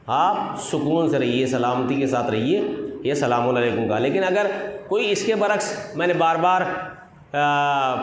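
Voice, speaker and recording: A man's voice: a little high, a little hiss or hum. Man giving an emphatic sermon in an echoey hall. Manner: drawn-out, emphatic words with rhetorical questions to the audience. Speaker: Shia cleric giving a religious lesson. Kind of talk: sermon-style religious talk. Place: religious gathering hall with a seated audience. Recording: echoey hall with faint ambience.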